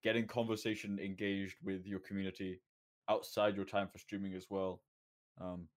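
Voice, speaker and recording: A man's voice: low-pitched, flat delivery, normal speed. A man, a streamer on a panel, giving his view in natural, casual unscripted talk.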